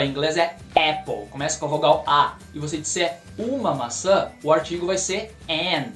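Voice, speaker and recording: Lively Brazilian teacher in a roomy studio. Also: male voice, high-pitched. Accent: Brazilian Portuguese. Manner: slow, drawn-out English model phrases between lively Portuguese explanations. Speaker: English teacher. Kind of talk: online English lesson.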